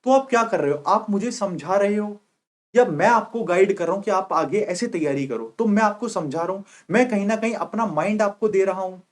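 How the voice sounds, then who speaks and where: A young man with a high voice teaches an exam-prep vocabulary class. He goes over each meaning again and again and keeps checking that his students have understood. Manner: repeats points, asks 'clear?' often.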